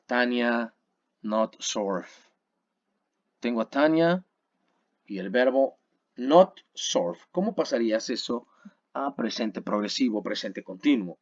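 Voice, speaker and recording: A man leads a grammar webinar, explaining step by step and checking in with his listeners. His voice is lively and animated. The sound is dry and a little dull. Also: medium pitch, no room sound. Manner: explains patiently, checks in with "¿sale?" and "¿vale?"; slows down to spell and model English words. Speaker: English teacher.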